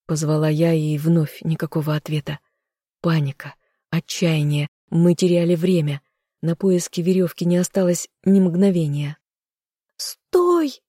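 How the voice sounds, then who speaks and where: Low-voiced woman reading a romance novel. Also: little pitch movement, moderate pace, warm tone, no room sound, clean studio sound. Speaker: audiobook narrator. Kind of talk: first-person novel narration.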